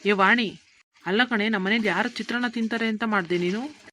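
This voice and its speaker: A woman voices a cartoon's impatient young husband, the son, angrily berating his wife. She uses a mid-range voice at normal speed with a sharp tone.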